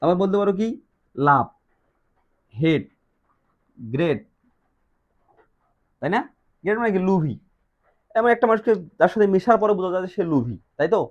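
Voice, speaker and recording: A man's voice: high-pitched, big pitch swings, moderate pace, pauses often. A man with a Bangladeshi accent teaching an English grammar lesson, asking questions and answering them himself. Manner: asks and answers his own questions. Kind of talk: classroom-style grammar lesson. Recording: dull lo-fi recording.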